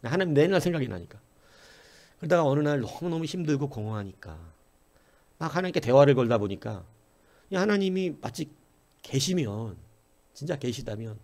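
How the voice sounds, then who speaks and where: With a darkish tone, a male pastor energetically narrates a story during a church sermon. He performs the quoted lines, his pitch climbing and dropping throughout.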